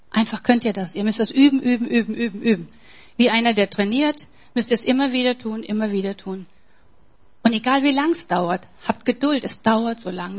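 With a voice on the high side, a woman delivers an emphatic sermon, alternating soft, almost whispered stretches with forceful, raised lines.

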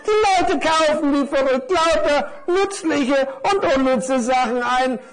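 A man voicing a small, jaded gift-wrapped tie in a children's story, a squeaky, lecturing know-it-all. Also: slow.

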